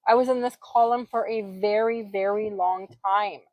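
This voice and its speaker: A Polish woman in her forties hosts a casual motivational livestream, chatting earnestly and speaking straight to her viewers. Her voice is medium-pitched and somewhat dark, with a steady tone and normal pace. She uses her own microphone, and the recording is dry.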